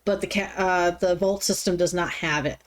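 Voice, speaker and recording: A woman's voice: fairly low pitch, steady tone, moderate pace. A woman playing a tabletop game, chatting casually and restarting her sentences. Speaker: player.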